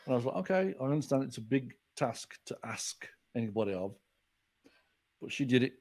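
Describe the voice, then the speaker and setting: A man's voice: medium pitch, a little fast. A man in his forties, a guest author in a casual podcast chat, who tells stories by acting out what people said. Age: 40s. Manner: animated storyteller acting out quotes.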